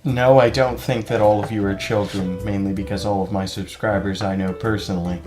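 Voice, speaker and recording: A man's voice: lowish voice, fairly even intonation, a little fast, over music. A teenage young man from California reading a children's book aloud, with dry, self-mocking asides. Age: late teens.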